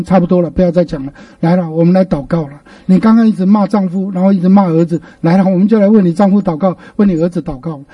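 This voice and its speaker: Male pastor, sermon, rhetorical questions, mellow high voice, dry distant sound. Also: no room sound. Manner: lively storytelling with rhetorical questions.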